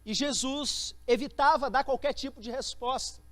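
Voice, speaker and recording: A man's voice: very high voice, moderate pace, fairly bright tone, dry recording. A male pastor with a Brazilian Portuguese accent, preaching an emphatic sermon and addressing listeners as brothers.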